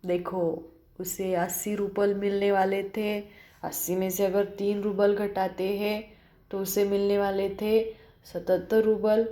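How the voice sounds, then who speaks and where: Warm-voiced woman explaining a lesson. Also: mid-range voice, little pitch movement, measured pace. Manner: explains line by line, asks rhetorical questions. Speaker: Hindi teacher.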